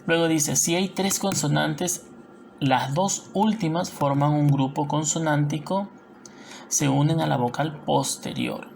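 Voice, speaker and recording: Low, gravelly Peruvian woman teaching. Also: unhurried, a little mellow, a little hiss or hum. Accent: Peruvian Spanish. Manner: patient, explanatory, frequent tag questions. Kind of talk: recorded classroom lesson.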